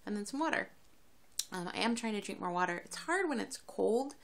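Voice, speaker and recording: A woman vlogger chatting casually to camera in a rambling, quick way, full of fillers, as she keeps a daily diet diary. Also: medium pitch, animated, gravelly.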